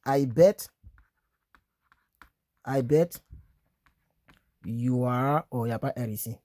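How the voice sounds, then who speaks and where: A man's voice: mid-range voice, mellow, no room sound. Chatty man teaching English verbs. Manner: chatty, repeats words slowly, asks "tu vois, non?". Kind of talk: casual video lesson. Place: small room, on a bed.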